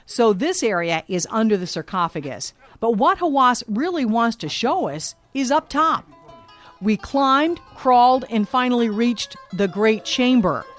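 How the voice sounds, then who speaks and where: A woman reporter giving a scripted documentary narration, measured and vivid. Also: on the high side, animated, soft background music.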